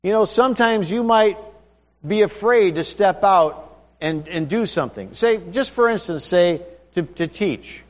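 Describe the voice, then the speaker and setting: A high-voiced man preaches a sermon in a conversational way, addressing listeners like a neighbor and firing off rhetorical questions one after another. He's expressive and unhurried, and his voice rings through a hall with long reverb.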